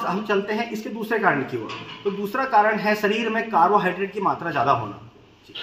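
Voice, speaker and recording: A man's voice: a little high, a bit bright. A man in his thirties, a goat farmer hosting his channel, explaining a remedy step by step and repeating key points for viewers. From India. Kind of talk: instructional farming video. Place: large open-sided goat shed, indoors. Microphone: camera at medium distance, standing to camera. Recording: echoey shed with faint ambient noise.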